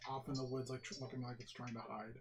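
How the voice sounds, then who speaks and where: A man's voice: medium pitch, little pitch movement, quick pace, over music. A man running a tabletop roleplaying game as dungeon master, telling the action in vivid descriptive detail among friends. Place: small room around a crowded table.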